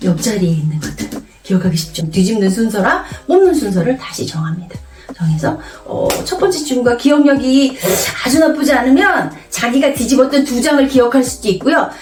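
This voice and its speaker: A woman teacher demonstrating a memory card game in a playful, classroom-style way. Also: a little high. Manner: animated, playful teacher voice with exaggerated storytelling. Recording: roomy, a bit distant from the mic, faint music.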